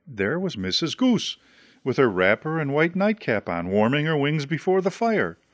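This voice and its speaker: Expressive man reading a children's story. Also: a little high, moderate pace, dry recording. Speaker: storybook reader.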